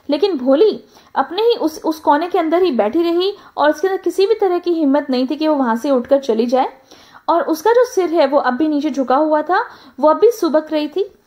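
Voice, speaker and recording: A woman with a high voice reads a story aloud like a teacher. She gives each English line slowly, then retells it in Hindi with many small hesitations. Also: darkish tone. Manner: frequent hesitation fillers. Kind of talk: reading a story aloud and explaining it.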